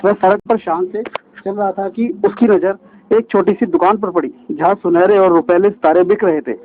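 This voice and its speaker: A man reads a children's story aloud with lively expression. His voice sits high, and the recording has a thin, phone-like sound. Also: moderate pace, no echo.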